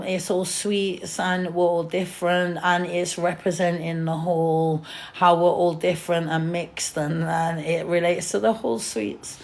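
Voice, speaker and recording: A woman's voice: on the low side, vocal fry, a little mellow. A woman chatting casually on a livestream at home in a flamboyant, profane way, often calling people darling. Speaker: artist and vlogger.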